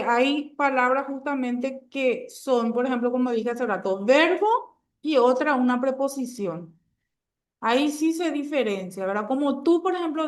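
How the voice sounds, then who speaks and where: A woman teaching a grammar lesson to a class, patient and checking understanding often. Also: sits high.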